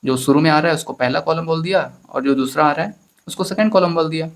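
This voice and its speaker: Speaking fast in a high-leaning voice, a man teaches maths in Hindi with an Indian accent. He goes step by step and keeps calling his students friends.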